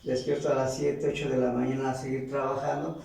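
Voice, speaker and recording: A man with a Mexican accent giving a halting, earnest personal faith testimony, often repeating words. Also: mid-range voice, flat delivery, vocal fry, dark tone. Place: large church hall. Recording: echoey church from far off.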